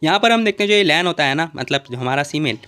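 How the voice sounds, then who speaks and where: Fast, lively man recapping a comic. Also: on the high side, clear, resonant tone, soft background music. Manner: lively, joking asides to viewers. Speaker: manhua recap narrator. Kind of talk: casual story recap narration.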